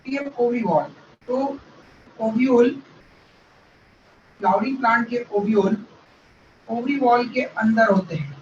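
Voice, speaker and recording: A high-pitched man teaches a classroom lesson, going step by step and checking in with his students, with English terms mixed into his speech. He is heard from a distance in a roomy, echoing space. The recording sounds dull, with faint noise underneath. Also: slow, pauses often. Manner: mixes Hindi with English terms. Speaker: biology teacher. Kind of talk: classroom lecture.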